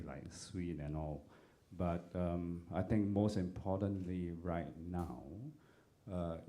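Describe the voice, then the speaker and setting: A man on a panel, answering thoughtfully with many pauses and fillers. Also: low voice, dark tone. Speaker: panelist composer. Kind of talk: relaxed panel discussion.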